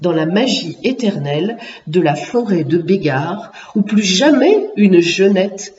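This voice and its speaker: A woman narrating a children's storybook in an expressive, lively storytelling manner. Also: fairly low pitch, a little slow. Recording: echoey room, distant muffled mic.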